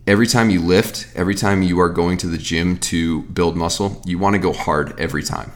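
A man in his thirties with a very deep, low-pitched voice talks through training advice in a loose, conversational way. He rambles, restarts his sentences and fills gaps with casual asides, like a coach answering listener questions on his own podcast. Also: steady tone, fairly quick. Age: 30s. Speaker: fitness coach and podcast host.

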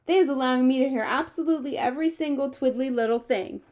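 A woman's voice: sits high, fast talker, darkish tone, pitched above the performer's own voice, lightly acted. A woman voicing a big-hearted male giant in a children's story, earnest and proud, full of wonder, with ungrammatical talk and quaint invented words. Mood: boastful wonder.

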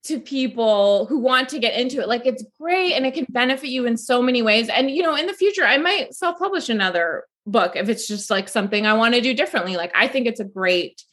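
A woman's voice: a little high, animated, a little fast, few pauses, a bit bright. A woman, a guest author, answering in a casual interview chat with lots of "like" and "you know". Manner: chatty, many "like" and "you know" fillers.

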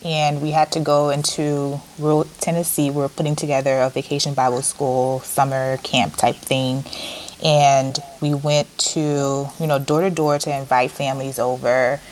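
A woman's voice: very deep voice, flat delivery, moderate pace, a little mellow, slight background noise, low-quality recording. A woman from Haiti earnestly recalling a childhood experience during a panel conversation. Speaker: panel participant. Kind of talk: personal storytelling.

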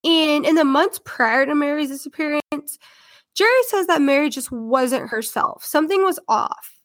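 This podcast host is a congested young woman with a head cold, talking at normal speed in a high-pitched voice. Her true-crime show is casual, chatty, rambling and full of filler, captured in studio quality without echo.

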